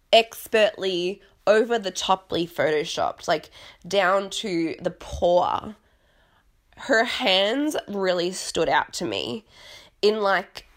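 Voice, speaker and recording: Young woman, podcast host, casual recap chat, rambling, gossipy, self-deprecating, mid-pitched. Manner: dramatic, exclamatory. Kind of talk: casual chatty reality TV recap.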